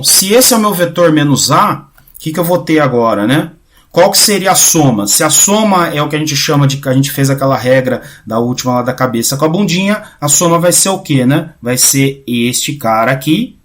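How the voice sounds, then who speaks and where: A man giving a casual math lecture, often checking in with his students and restarting phrases, going quieter while he draws. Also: on the high side. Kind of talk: informal recorded lecture.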